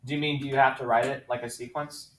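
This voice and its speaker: A man teaching a math class, walking students through problems with brisk, coaxing questions. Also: mid-range voice, level tone.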